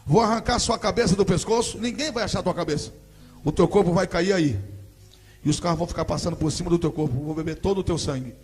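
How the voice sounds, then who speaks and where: A clawed male demon voiced by a man retelling it from the pulpit makes slow, menacing threats. The voice sits fairly high but keeps a husky grain, with a Brazilian Portuguese accent. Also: darkish tone, soft background music.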